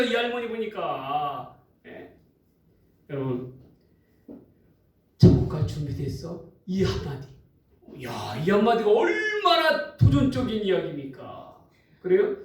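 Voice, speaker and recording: Animated preacher in an echoing church. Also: male voice, high-pitched, a little slow. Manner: animated storytelling, emphatic. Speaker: pastor. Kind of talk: sermon. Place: church sanctuary. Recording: echoey hall, distant mic.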